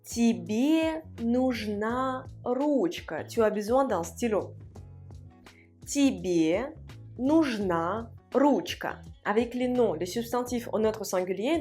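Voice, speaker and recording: A woman teaches an online language lesson in a slightly high voice. She walks through grammar step by step and says each example sentence slowly and with care, then says it again. A little soft music plays behind her. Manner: slow, deliberate repetition of example sentences.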